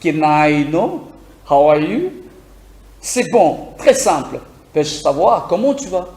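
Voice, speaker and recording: A man teaching a beginners' English lesson on air, lively and repetitive, asking listeners to repeat phrases after him. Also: fairly high pitch, slow, reverberant. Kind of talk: live broadcast English lesson.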